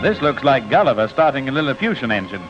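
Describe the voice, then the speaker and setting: A man narrating an old newsreel in a brisk, jaunty scripted manner with wry asides, heard as an old newsreel soundtrack. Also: mid-range voice, big pitch swings. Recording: dull lo-fi old newsreel film sound with music.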